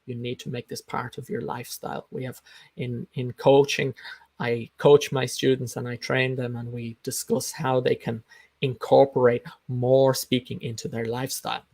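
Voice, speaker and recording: With a mid-range, darkish voice, a level tone, vocal fry and a moderate pace, a man runs an informal live lesson for English learners. He explains emphatically, drives his key points home through repetition and answers comments, all with no room sound.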